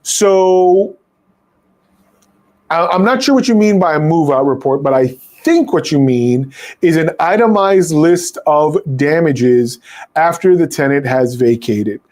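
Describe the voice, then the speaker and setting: A man with a somewhat high voice talks through viewer questions as an attorney. His delivery is conversational, full of "uh" and repeated words as he restarts his sentences. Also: expressive, measured pace, a little mellow. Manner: conversational, frequent fillers and restarts. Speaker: landlord attorney.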